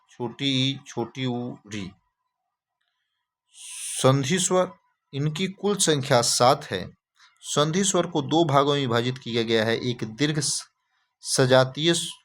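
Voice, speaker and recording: Slow Hindi grammar teacher, man. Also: mid-range voice, fairly bright tone. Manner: slow, repeats key terms as questions.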